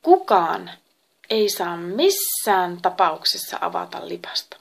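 A woman's voice: on the high side, lively intonation. A woman doing a weary, worried male god. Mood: anxious. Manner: sighing, anxious pleading. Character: tired, worried male god carrying a chest.

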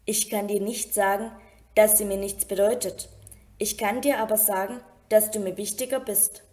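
A woman reads the part of an earnest young prince in a mid-range, somewhat dark voice close to her everyday one. Her intonation is fairly even and her speed normal.

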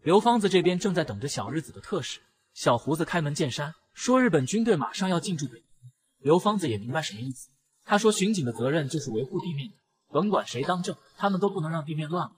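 A man retelling a television drama in brisk, lively narration. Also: a little high, husky. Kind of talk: storytelling narration.

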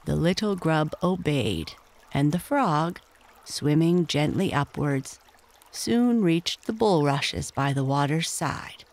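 Slow, unhurried bedtime storyteller. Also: medium pitch, lively intonation.

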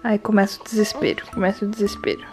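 A young woman vlogging casually at home, chatting and talking softly to her new baby. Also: medium pitch, steady tone, fast, over music. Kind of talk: casual home vlog chat. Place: home kitchen.

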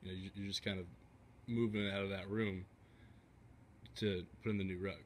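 A man's voice: deep voice, flat delivery, a little fast, slight background noise, lightly acted. A young man playing a polite but skeptical friend who hesitates, stammers and questions what he is shown in a basement. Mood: hesitant, doubtful. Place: cluttered home basement.

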